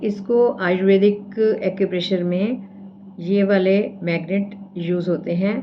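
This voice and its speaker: A woman's voice: mid-range voice, highs cut off, a little hiss or hum. A woman teaching acupressure and explaining each step while she demonstrates, checking in often with her viewers. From India. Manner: explains step by step, repeats "theek hai" often. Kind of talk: casual demonstration lesson.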